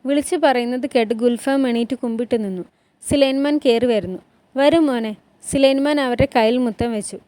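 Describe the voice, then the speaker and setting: A woman storyteller recapping a TV drama in a plain, steady retelling voice on a close mic. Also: fairly high pitch, brisk, dry recording.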